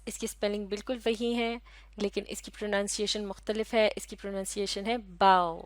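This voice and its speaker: A woman teaching English pronunciation step by step, in a measured, methodical way that pauses to correct herself. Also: mid-range voice, no room sound. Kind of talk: explanatory lesson on phonetics.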